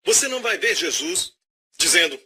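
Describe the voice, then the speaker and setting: A man preaching a sermon, animated and questioning his audience. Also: sits high, normal speed, breathy edge.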